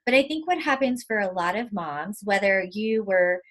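A woman, talking casually as a guest, animated and laughing often as she acts out quotes. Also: mid-range voice, moderate pace. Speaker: podcast guest. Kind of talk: casual conversation.

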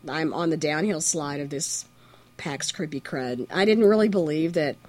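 A woman's voice: deep voice, moderate pace, a little mellow. A woman hosting a casual podcast, sick with a cold and struggling to talk. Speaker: podcast host.

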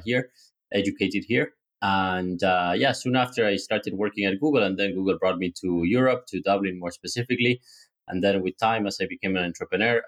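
A man from Argentina, an entrepreneur guest, telling his life story in a relaxed way. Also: sits low. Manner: relaxed, many fillers and restarts. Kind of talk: casual interview storytelling.

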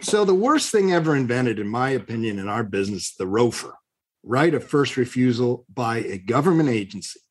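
A middle-aged man in an interview, telling blunt, animated stories and acting out both sides of an argument. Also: mid-range voice, moderate pace. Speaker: guest, real estate investor. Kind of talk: conversational interview storytelling.

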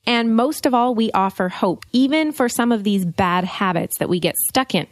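A woman co-hosting a podcast, playful and teasing, often answering with quick interjections. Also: mid-range voice, dry recording. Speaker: co-host. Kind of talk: casual podcast chat.

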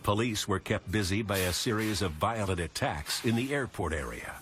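A man's voice: on the low side, normal speed, background noise. A man narrating a scripted true-crime documentary in an ominous, dramatic storytelling manner.

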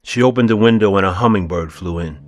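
A man reading first-person fiction in a brooding, measured, low-key way. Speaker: audiobook narrator.

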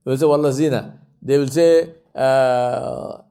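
A man delivers a religious lesson in a warm, relaxed tone. He circles back to the same phrases again and again to drive them in. He pauses often on fillers as he thinks. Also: medium pitch, clean tone. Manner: repeats key phrases for emphasis, many fillers. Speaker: speaker at an Islamic centre. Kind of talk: religious talk.

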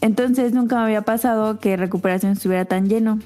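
A woman tells a long anecdote on a podcast in a relaxed, chatty way. Her voice is mellow and warm, with soft music playing faintly behind her. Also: medium pitch, fast talker. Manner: chatty, animated anecdote teller. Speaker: podcast co-host. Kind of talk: casual storytelling chat.

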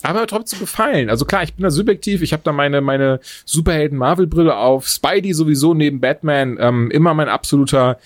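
A man hosting a podcast, chatting casually about films in an animated, digressive way full of quick asides. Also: a little high, dry recording, studio quality. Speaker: podcast host reviewing films. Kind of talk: casual chat.

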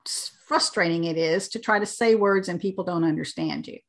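Animated woman with light Southern accent. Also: on the low side, fairly quick. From Southern United States. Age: middle-aged. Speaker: guest, accent reduction teacher. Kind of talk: casual interview talk.

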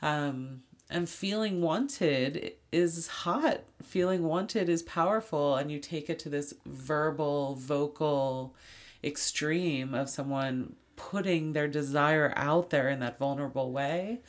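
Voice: medium pitch, takes it slowly. A podcast co-host with a tired voice, speaking frankly in a casual discussion and explaining ideas through short spoken examples.

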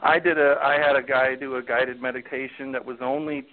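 A man's voice: mid-range voice, flat delivery, a little fast. A man telling a candid, self-deprecating story in casual chat, laughing easily. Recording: tinny phone-like audio.

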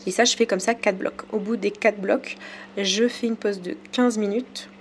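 A woman from France talks through her own podcast episode in a casual, halting way, often pausing with fillers. Her pitch sits in a middle range. Faint ambient noise hums behind her. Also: fairly even intonation. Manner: hesitant, many pauses and fillers. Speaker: podcast host. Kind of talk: casual solo podcast talk.

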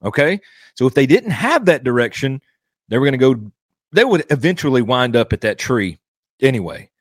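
A man's voice: mid-range voice, sing-song, moderate pace, breathy edge, no room sound. Dry-sounding man critiquing a clip. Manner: critical, explanatory, repeats points. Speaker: podcast host critiquing a sermon. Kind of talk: commentary on a played clip.

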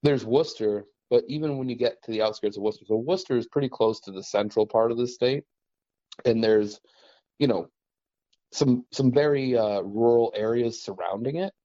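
At a normal speed and medium pitch, a man from western Massachusetts hosts a casual podcast conversation on trapping, relaxed, rambling, and full of "like" and "you know" fillers. There's no room sound, and the highs are cut off.

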